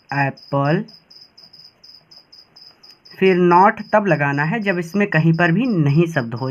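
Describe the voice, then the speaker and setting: A man teaching grammar in a slightly raised voice, dictating each word slowly as he writes it out. The recording is dull and lo-fi. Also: fairly high pitch. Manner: slow dictation-like pacing, spelling words out. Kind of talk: board lesson explaining grammar.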